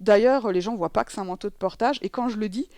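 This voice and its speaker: A woman's voice: mid-range voice, fast, darkish tone, dry recording. A French woman teaching how to wear a babywearing coat, chatting casually with many fillers and self-corrections. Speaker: babywearing instructor. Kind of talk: demonstration tutorial. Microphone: headset.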